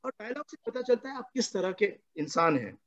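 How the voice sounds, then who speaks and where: A man's voice: high voice, very animated, a little fast, a bit bright, muffled recording. A man, a guest children's author, teaching a playful, enthusiastic storytelling lesson over a video call, mixing Hindi and English.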